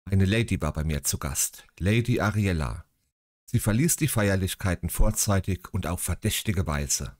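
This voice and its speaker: A man voicing a gruff, commanding older English lord in a read-aloud story, speaking curtly. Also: low voice, animated, moderate pace, no room sound, clean studio sound. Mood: stern. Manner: curt, commanding.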